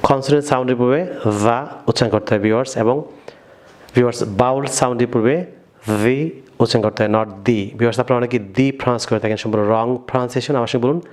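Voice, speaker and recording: A man with a Bangladeshi accent teaching English pronunciation, who keeps addressing his viewers and has them repeat slow drill words. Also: mid-range voice, fairly even intonation, a little hiss or hum.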